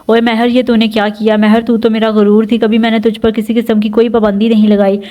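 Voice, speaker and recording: A woman's voice: a little high, flat delivery, dull audio, close to an everyday voice. A woman voicing a heartbroken old father. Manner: shaken, forgiving.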